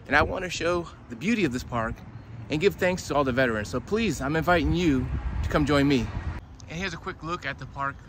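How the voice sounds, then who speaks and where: A man with a fairly high, brisk voice works as a tour guide, leading an outdoor walking tour through a public park and explaining the sights as he goes. Urban ambient noise fills the outdoor recording.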